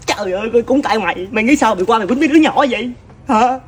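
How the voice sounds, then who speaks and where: An adult playing a hot-tempered older relative who scolds a child loudly with exasperated exclamations, with a Southern Vietnamese accent. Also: mid-range voice, expressive, very fast, natural voice. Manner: loud exasperated scolding, repeated sighing exclamations.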